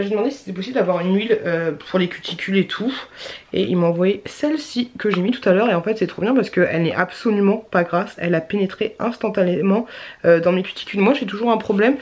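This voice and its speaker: A young adult woman vlogging in a chatty, rambling way, full of slang and fillers. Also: mid-range voice. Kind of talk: casual chat.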